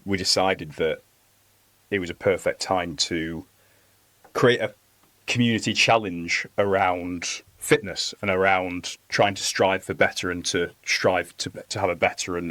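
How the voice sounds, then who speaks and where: A young man speaking earnestly as a podcast guest, halting with fillers. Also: low-pitched, fairly bright tone, dry recording. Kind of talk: casual interview talk.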